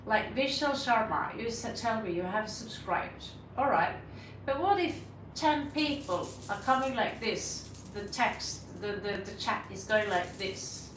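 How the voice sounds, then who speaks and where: With a measured pace and an animated, slightly bright medium-pitched voice, a Norwegian-accented woman hosts a tarot livestream. She replies to viewers casually and bluntly, adding sarcastic asides. The mic is distant and set back in an echoey room with audible noise.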